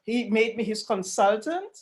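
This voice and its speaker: A woman explaining her work conversationally on an online panel, halting at times and repeating words for emphasis. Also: on the high side, lively intonation, a little mellow. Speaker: panelist presenting a rural tourism programme. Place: online video call.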